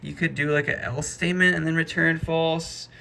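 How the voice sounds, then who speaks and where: A man's voice: fairly high pitch, fairly even intonation, normal speed, creaky, bright, forceful tone, slight background noise. A man giving a casual programming lesson, talking through code step by step in a chatty way. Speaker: programming instructor. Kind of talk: casual screen-recorded coding lesson.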